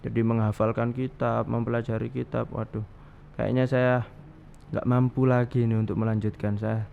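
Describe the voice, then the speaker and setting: A man's voice: mid-range voice, flat delivery, normal speed, gravelly. A man, a guest recounting his life at length, with many restarts and fillers. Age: 30s. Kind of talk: casual interview. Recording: dull, slightly noisy studio audio.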